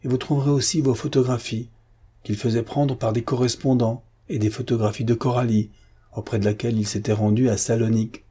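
A man's voice: mid-range voice, level tone, fairly quick, warm tone, husky, natural voice. A man voicing an old man who explains things steadily and insistently in an audiobook.

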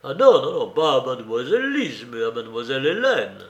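A man reading the part of a gruff, awkward old music teacher who speaks in broken, halting phrases. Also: mid-range voice, wildly swooping pitch, muffled recording. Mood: flustered. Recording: roomy echo.

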